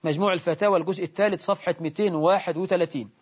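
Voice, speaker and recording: A man with an Egyptian accent giving a religious lesson, reading classical texts and breaking into lively colloquial explanations. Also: high-pitched, racing. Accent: Egyptian Arabic. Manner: animated, dramatizes quotes, Egyptian asides explaining classical text. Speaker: religious teacher. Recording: dull lo-fi recording.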